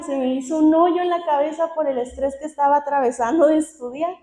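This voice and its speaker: A woman's voice: high voice, warm tone, roomy sound. A young woman giving an earnest personal testimony at a church meeting, laughing now and then between phrases. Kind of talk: testimony talk.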